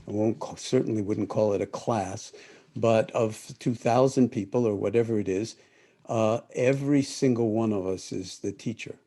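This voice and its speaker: This meditation teacher, an older man from the US, has a lowish voice with a dark tone. He guides an online group on a live-streamed video call, musing thoughtfully and often stopping to correct himself mid-thought.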